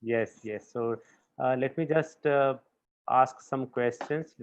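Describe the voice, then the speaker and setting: A man with an Indian English accent moderates a webinar, speaking hesitantly with many fillers and a friendly manner. His voice is mid-pitched. The call audio is dull and lo-fi. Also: slow.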